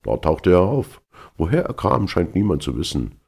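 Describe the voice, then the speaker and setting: A man's voice: deep voice, sing-song, normal speed, gravelly, a little mellow, slightly rough, full character voice. A man voicing an older, talkative sailor who tells news with firm assurance, in a storybook reading. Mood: gossipy. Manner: assertive, storytelling. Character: older chatty sailor man, gossipy and probing.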